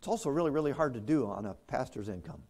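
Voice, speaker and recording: A man's voice: mid-range voice, expressive, quick pace, darkish tone. A man preaching a sermon as pastor, in a conversational way with chuckles and restarts.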